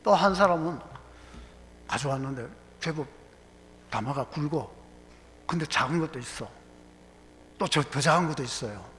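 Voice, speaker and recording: Gyeongsang-accented pastor preaching in a reverberant church. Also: male voice, on the high side, lively intonation, moderate pace, pauses often, a bit bright. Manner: folksy storytelling with dialect asides and quoted voices. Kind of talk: sermon. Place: church sanctuary. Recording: long hall reverb, faint hum.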